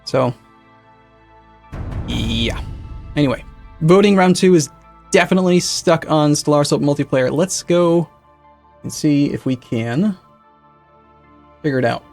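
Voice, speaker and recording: A young man live-streams a game, chatting casually as he sets up, often correcting himself and answering chat in a rambling way. His slightly high voice has vocal fry and a darkish tone, with a measured pace and long pauses. Faint music sits in the background.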